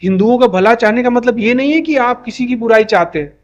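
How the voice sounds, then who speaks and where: Male commentator, high-pitched and insistent, dull lo-fi recording. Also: brisk. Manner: insistent, rhetorical questions. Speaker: YouTube commentator. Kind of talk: opinion monologue.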